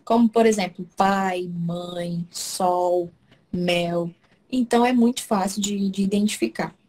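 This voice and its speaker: A woman's voice: medium pitch, slow pace, darkish tone. A woman teaching Portuguese in an online class, explaining step by step and checking in often with her students.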